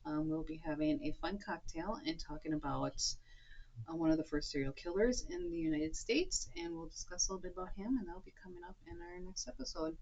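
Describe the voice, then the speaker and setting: A woman's voice: lowish voice, animated, fairly quick, a little mellow, lo-fi sound. A woman co-hosting a podcast in casual chat, playful and joking. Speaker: podcast co-host.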